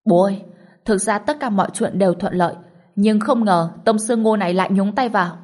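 Woman doing a young male heir, desperate, loud, pleading. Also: medium pitch, normal speed, lightly acted.

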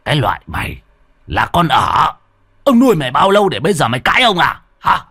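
A man's voice: very deep voice, lively intonation, measured pace, slightly rough, dry recording, clean studio sound, voice pushed down, full character voice. A man playing a lecherous, brutal old village landlord who bullies his servant. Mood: furious. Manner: leering, bullying.

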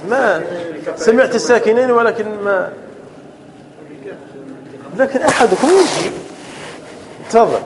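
A man teaching an Arabic grammar class. He repeats key phrases, keeps asking whether it is clear and calls on students to answer. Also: very high voice, expressive, measured pace, long pauses, background noise. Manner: often checks understanding with "clear?". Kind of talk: classroom lesson.

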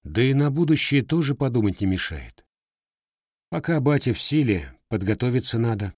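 A man's voice: mid-range voice, sing-song, moderate pace, a little mellow, dry recording, studio quality, voice pushed up. A man voicing a guarded, scarred young Cossack with plain, blunt village speech.

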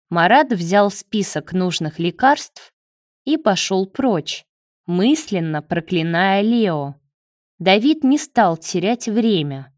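Woman audiobook narrator, unhurried and steady, dry close sound. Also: medium pitch, dry recording.

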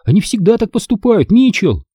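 A man reading an audiobook who voices a timid, excitable little boy who believes in ghosts, in an eager, insistent whisper. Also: sits high, normal speed, slightly rough, no echo, studio quality, voice pushed up, heavily acted.

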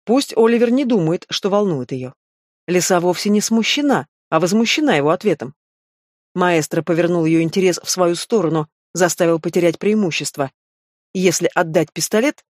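A woman narrating a fantasy novel audiobook in a steady, measured way. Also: on the low side, no room sound, clean studio sound. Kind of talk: scripted narration.

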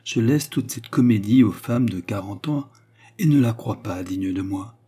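A man reading the lines of a young woman who feigns repentant love, in an earnest, softly dramatic tone. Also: on the low side, a little slow, breathy edge. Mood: pleading. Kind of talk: audiobook character reading.

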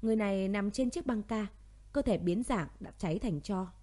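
A woman narrates a melodramatic story in a steady, dramatic reading voice. Her tone is warm and mellow, pitched in an ordinary middle range. It sounds like a scripted audiobook. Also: normal speed.

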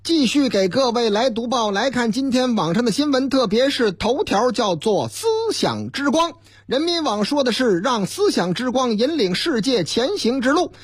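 Animated husky Beijing radio man. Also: very high-pitched, no echo, clean studio sound. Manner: animated, joking asides and rhetorical questions. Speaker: radio news host. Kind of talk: chatty newspaper-review commentary.

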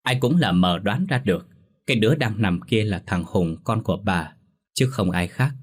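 Man, low voice, husky, steady horror story narration. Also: moderate pace.

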